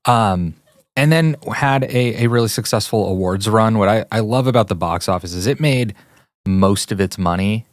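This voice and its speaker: A man with a lowish voice co-hosting a casual film podcast, laying out release dates and box office numbers in a relaxed, opinionated way. His studio mic sounds dry and close. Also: moderate pace, no echo. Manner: relaxed, reads facts and figures, opinionated. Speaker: podcast co-host. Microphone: studio microphone.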